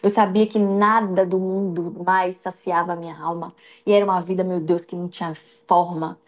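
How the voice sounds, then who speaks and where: A woman's voice: on the low side, flat delivery, moderate pace. Woman preaching an emotional sermon. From Brazil. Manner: emotional, testimonial, swings between loud cries and hushed lines. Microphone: livestream.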